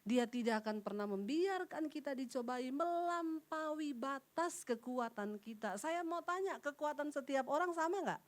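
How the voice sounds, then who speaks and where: High-voiced woman preaching animatedly. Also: moderate pace, few pauses. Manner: animated, conversational preaching with rhetorical questions to the congregation. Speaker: evangelist preacher. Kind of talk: sermon.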